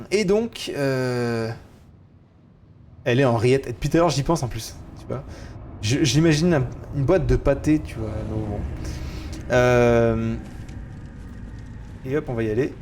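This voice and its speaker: A French man casually commenting on a video game he is streaming, chatty and excitable. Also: mid-range voice, slight background noise. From France. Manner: chatty, excitable, swears at setbacks.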